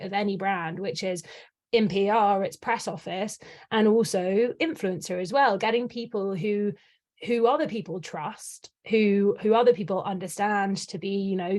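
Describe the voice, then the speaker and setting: A woman's voice: mid-range voice, a little mellow. A woman working in communications, talking enthusiastically as an interview guest, with many "you know"s. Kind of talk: podcast interview.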